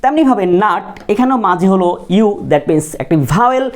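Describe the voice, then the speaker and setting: A woman's voice: medium pitch, expressive, unhurried. Bangladeshi lady teacher going over english sounds, asks the class then answers herself, coughs a bit. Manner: explains step by step, asks the class questions and answers them; mixes Bengali with English words. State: coughing, clears her throat. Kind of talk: classroom lesson at a board.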